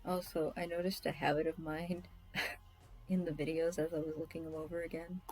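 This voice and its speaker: Woman artist, low mellow voice, rambling self-deprecating chatter over faint music. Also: level tone, normal speed, low-quality recording. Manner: self-deprecating, scattered, talks to herself. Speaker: artist streaming a drawing session. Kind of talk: casual rambling chat while drawing.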